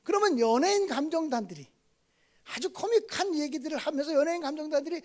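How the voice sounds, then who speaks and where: A man in his fifties preaching at a revival meeting as a guest pastor. He tells stories, acts out family dialogue, and swings between loud outbursts and soft asides. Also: very high-pitched, animated, fast. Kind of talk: revival sermon.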